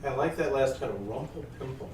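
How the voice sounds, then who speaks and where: A man's voice: mid-range voice, quick pace, darkish tone. A man hosting a casual writers' roundtable podcast, loose and rambling, often correcting himself. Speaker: podcast host and producer. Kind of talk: casual panel chat. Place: shared room around a table. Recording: roomy room sound, distant mic.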